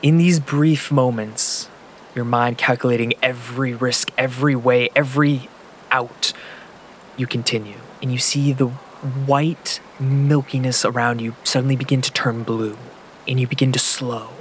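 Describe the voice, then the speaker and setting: Guy running a tabletop game, mid-pitched voice, talks it up slow and tense, repeats stuff for suspense. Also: steady tone, slight background noise. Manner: descriptive, builds suspense with repetition. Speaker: game master. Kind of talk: second-person narration of a tabletop game.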